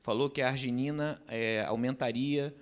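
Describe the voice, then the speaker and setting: A man's voice: mid-range voice, steady tone, normal speed, clear, resonant tone. A man asking a lecturer questions in a formal, deferential way, with short acknowledgements. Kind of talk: polite classroom questions.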